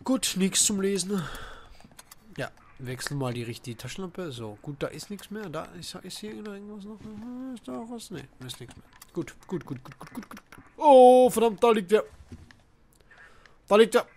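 A man commentating a horror game as he plays, swearing and shouting at enemies. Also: high voice, lively intonation, moderate pace, slight background noise. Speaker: let's play gamer.

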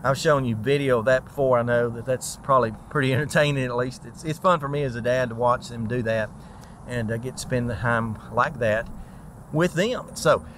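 A man's voice: mid-range voice, fairly quick, fairly bright tone. Guy vlogging while walking outside in a park, easygoing and rambly, lots of uhs, faint traffic noise behind. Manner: easygoing, rambling, with frequent fillers. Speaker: vlog host and transplant recipient. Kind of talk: casual walk-and-talk vlog. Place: outdoors in a large park.

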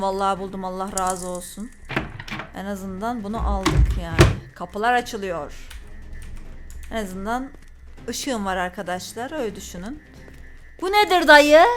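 A woman's voice: medium pitch, expressive, a little slow, long pauses, fairly bright tone, faint music behind. A woman hosting a gaming channel, giving jumpy, frightened commentary on a horror game and reading its notes aloud to viewers.

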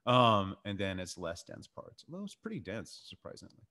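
A man's voice: lowish voice, sing-song, normal speed, bright, forceful tone. A middle-aged man lecturing informally over slides, explaining things in a conversational way. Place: indoors in a warehouse.

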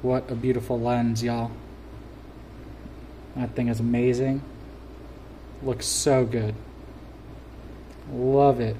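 A man talks casually through an unboxing in a warm, mellow voice. He is chatty and enthusiastic and scatters fillers through his talk. A faint hiss sits under the recording. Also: medium pitch, flat delivery, takes it slowly, pauses often. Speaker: gear reviewer.

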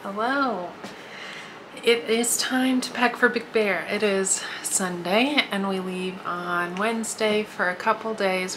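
A woman's voice: mid-range voice, background noise. A woman in her thirties chatting casually at home as she lists what she is packing for a trip, a bit short of breath from a flu. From United States. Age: 30s. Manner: chatty, lists items as she shows them. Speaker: vlogger. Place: home living room, indoors.

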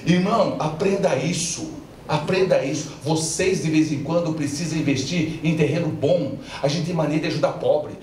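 A man's voice: fairly high pitch, moderate pace, a little mellow, slight background noise. Male pastor, playful call-and-response preaching; mic off at a distance in an echoey hall. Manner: preaching with jokes, drawing responses from the congregation. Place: large church hall with congregation. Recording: echoey church hall, from far off, crowd audible.

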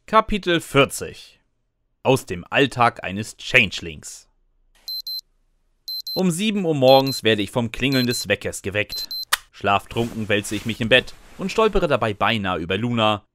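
The recording is clean studio sound with no room sound. A man with a mid-range, sing-song, slightly bright voice speaks at normal speed as a sarcastic student narrating his own chaotic life, both narrator and lead character of a scripted comic first-person story, delivered wryly.

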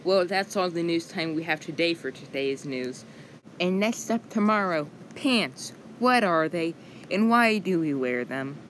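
A man's voice: fairly high pitch, animated, measured pace, fairly bright tone, low-quality recording. A man voicing a chirpy female cartoon news anchor, reading in an artless, stilted way on a hissy home recording.

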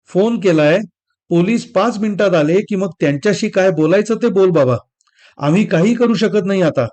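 Give me a man playing a stern householder in a storybook reading. He speaks slowly, pressing each word, his voice sitting a little high. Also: animated, a little mellow. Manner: slow, firm, stressing each word. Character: stern householder confronting a thief.

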